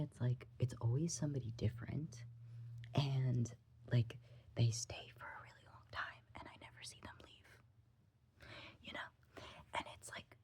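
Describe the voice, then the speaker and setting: A young adult performer voicing a gossipy tenant in a whispered role-play, confiding in a soft, breathy, hesitant gossip whisper. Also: medium pitch, lightly acted.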